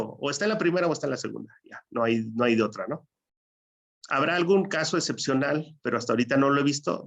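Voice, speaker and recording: A man's voice: medium pitch, a bit bright. A Purépecha-speaking man, lecturing a class in an explanatory way and checking with students as he goes. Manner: explanatory, asks the class to follow. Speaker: teacher.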